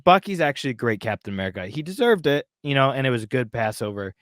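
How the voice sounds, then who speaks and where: A man's voice: medium pitch, animated, quick pace, a bit bright, no room sound, studio quality. A man hosting a casual podcast chat, reading an article aloud with sarcastic asides and frequent laughs. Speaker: podcast host.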